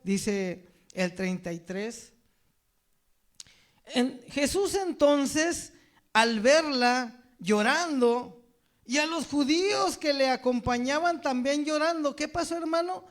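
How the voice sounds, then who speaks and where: A man's voice: very high voice, expressive, slow pace. A man preaching a sermon, reading scripture aloud and putting rhetorical questions to his listeners, often calling them brother. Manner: reads scripture aloud, then asks the congregation rhetorical questions; addresses listeners as brother, with many filler "right?" tags.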